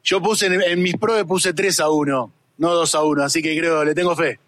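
A man, a football fan chatting in a relaxed way during a street interview. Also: on the high side, normal speed, dry recording.

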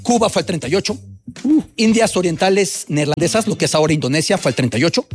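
A man holds forth on a sports talk panel, rattling off facts and lists from memory in a notably high voice. Faint music sits under him. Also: lively intonation, fast. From Mexico. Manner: lecturing, reels off facts and lists.

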